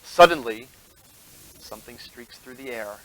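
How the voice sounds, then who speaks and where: A man narrating as game master of a tabletop role-playing game, playful and quick to laugh. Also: medium pitch, fairly bright tone, no echo, rough recording.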